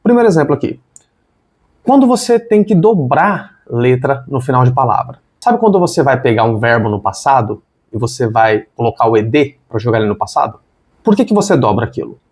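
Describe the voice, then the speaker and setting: A man's voice: medium pitch, big pitch swings, brisk, darkish tone, husky. A man, an English teacher explaining spelling rules step by step and spelling words out letter by letter. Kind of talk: online language lesson.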